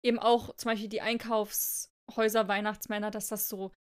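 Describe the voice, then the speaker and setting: Young female co-host, relaxed chatty delivery, reads storybook lightly. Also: medium pitch, moderate pace, smooth. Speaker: podcast co-host. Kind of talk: casual chat and storybook reading.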